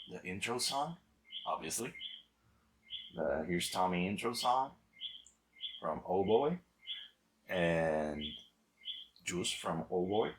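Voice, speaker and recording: A man hosting a casual unboxing vlog, chatting in a relaxed way and thinking aloud as he tests his microphone setup. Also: sits low, slight background noise, poor audio. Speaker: channel host. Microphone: podcast mixer microphone.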